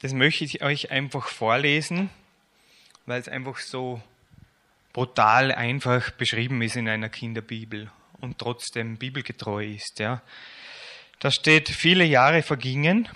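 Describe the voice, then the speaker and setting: A man, a pastor telling a children's Bible story in a sermon with plain storytelling and quiet asides. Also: mid-range voice, unhurried.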